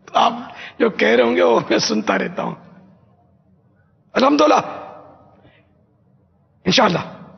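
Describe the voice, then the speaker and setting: An older man, a religious scholar from Pakistan, gives an emphatic teaching talk to a gathering and repeats phrases slowly as pronunciation drills. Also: very high voice, lively intonation, creaky, breathy edge. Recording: echoey hall, dull lo-fi sound.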